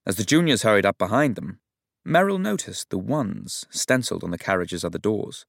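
A man reading a novel aloud as narrator in a measured, even storytelling manner. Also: lowish voice, creaky, no echo, clean studio sound. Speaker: audiobook narrator. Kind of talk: scripted narration.

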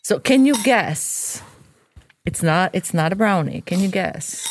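A woman's voice: medium pitch, animated, a little slow, a little hiss or hum. A woman from Croatia, a producer, chatting playfully and laughing easily on a podcast. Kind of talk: casual podcast chat.

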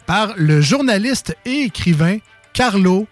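A man with a Quebec French accent and a bright, high-pitched voice hosts a casual radio game segment. He teases his co-host and laughs often. Soft music runs in the background. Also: animated, slow. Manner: playful, teasing, laughs often.

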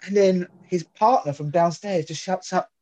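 A man chatting casually, telling rambling, halting stories. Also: high voice, warm tone, low-quality recording. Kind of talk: casual chat.

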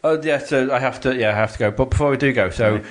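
Man chatting, mid-pitched, echoey room. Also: fast. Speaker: podcast co-host. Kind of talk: casual podcast chat. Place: empty spare room indoors.

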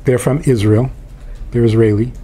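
A man, a rabbi, telling a lively story with quoted dialogue and chuckles. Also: medium pitch, moderate pace, slight background noise. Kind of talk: storytelling in conversation.

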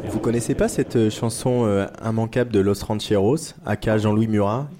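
A man from the hosting radio station joining a casual chat, quick and enthusiastic. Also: lowish voice, fairly even intonation, background noise. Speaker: radio station guest host.

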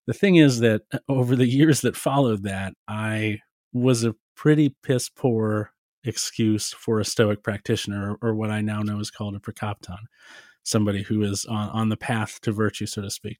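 A man's voice: lowish voice, darkish tone, no room sound, studio quality. A man talking casually and self-deprecatingly as a podcast guest, telling his own story.

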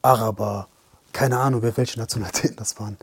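A man's voice: on the low side, fast talker, vocal fry, breathy edge. A young man, a professional boxer, telling a story in casual chat, acting out the lines of the people in it. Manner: animated, retells scenes with quoted dialogue.

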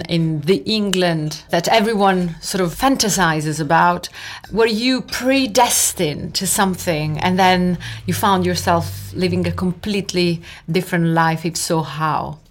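Italian woman podcast host, lowish voice, reflective interviewer. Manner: thoughtful, probing questions. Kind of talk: conversational interview.

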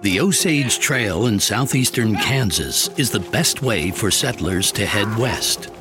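A man with a low voice delivers dramatic documentary narration like a horror trailer. His pitch moves widely for ominous suspense, with music running underneath. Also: lively intonation, measured pace. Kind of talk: dramatic scripted true-crime narration. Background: music behind the voice.

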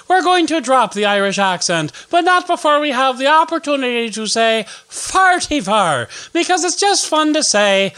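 A man hamming up a deliberately bad stage Irish accent, stretching out his words. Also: very high voice, sharp tone, voice pushed up, exaggerated voice. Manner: exaggerated, drawn-out words. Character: jokey host in a hammy stage Irish voice.

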